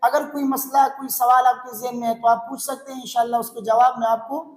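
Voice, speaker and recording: A man teaching religious recitation, speaking patiently and repeating each phrase slowly and deliberately. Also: very high voice, level tone, a little mellow, roomy sound. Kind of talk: recitation lesson.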